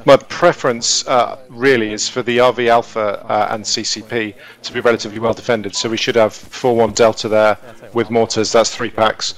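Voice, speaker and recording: A man's voice: fairly low pitch, flat delivery, normal speed, few pauses, poor audio. A man running a military-style briefing over game voice chat, orderly and directive. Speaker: player acting as military briefing leader.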